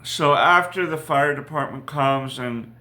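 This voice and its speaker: Recapping a TV episode casually, a man with a mid-range, sharp-toned voice meanders slowly, stopping to correct himself and using lots of fillers.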